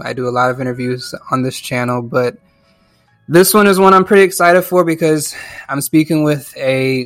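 A man's voice: mid-range voice, no room sound. Earnest male podcast host. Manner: earnest, talks in long, careful questions. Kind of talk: podcast interview.

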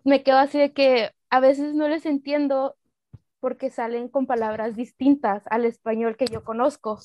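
A woman with a northern Mexican accent talks as a podcast guest, recounting things in a relaxed way with frequent fillers. Her voice sits a bit high, and the mic sounds dry and slightly dull. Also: normal speed, dry recording. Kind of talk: casual conversational interview.

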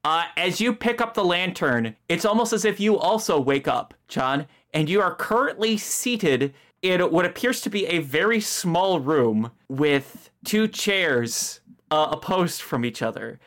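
Halting game master, medium-pitched voice. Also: expressive, fairly bright tone. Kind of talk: improvised tabletop game narration.

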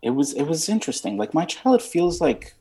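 Rambling husky-voiced man in his thirties. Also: a little high, big pitch swings, a little fast, dark tone, poor audio. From Romania. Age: 30s. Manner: rambling, searching for words, frequent fillers, casual swearing. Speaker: guest. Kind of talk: casual interview conversation.

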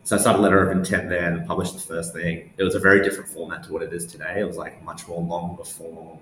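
A newsletter founder being interviewed talks fast in a low, slightly bright voice with little pitch movement. His casual answers are hesitant and meandering, packed with "like," and the recording has a roomy echo and faint background noise.

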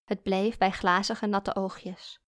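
A woman narrating fiction in a calm, steady audiobook reading. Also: mid-range voice, slow pace.

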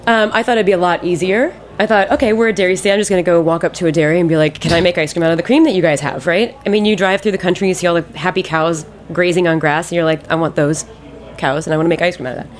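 This Ohio ice cream maker and business owner, a woman in her late thirties with an American accent, joins a casual radio interview as a guest. Her lowish voice comes out rapid-fire with hardly any pauses. She keeps things informal and emphatic, frequently repeating words to drive a point home.

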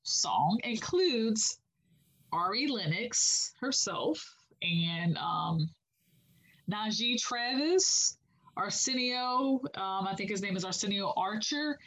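A woman co-hosting a casual podcast about songwriting, speaking in an unhurried, affirming way with many filler pauses. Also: medium pitch, animated, a bit bright, low-quality recording. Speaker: podcast co-host.

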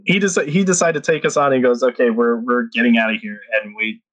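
Fast-talking and a bit bright, a podcast guest from the Philippines in his thirties chats casually, rambling through anecdotes with frequent restarts and laughter. His pitch is medium and his intonation fairly even.

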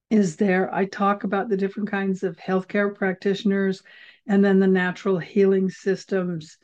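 A woman of medium pitch and slightly mellow tone, from the United States, teaches an herbal remedies class while hosting a podcast. She talks in a loose, rambling, conversational teaching style with lots of fillers. The sound comes through a video call and is slightly dull.

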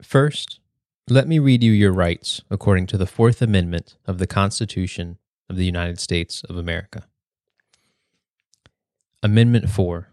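A young man hosting a podcast, reading a prepared speech in a measured, earnest way. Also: deep voice, a little mellow, no echo, clean studio sound. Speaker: podcast host.

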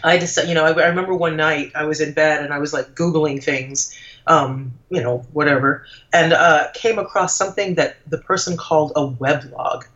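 A woman from Trinidad, a lawyer who became a blogger, chats reflectively as a guest in a casual conversational interview, thinking aloud as she goes. Her voice is low with a fairly bright tone, fairly even intonation and a moderate pace, and the audio is dull and lo-fi.

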